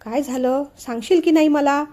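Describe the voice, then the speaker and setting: A woman voicing a calm young sister-in-law who talks a frightened girl through cooking in a teacherly, soothing way. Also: high voice, normal speed, natural voice. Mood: reassuring.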